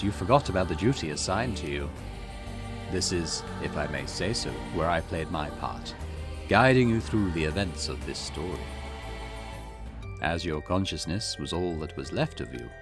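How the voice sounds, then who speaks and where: A man reads game dialogue aloud as a cryptic, formal storyteller who guides the player. His low voice swings widely in pitch, and his delivery is measured and theatrical. Game music can be clearly heard behind him.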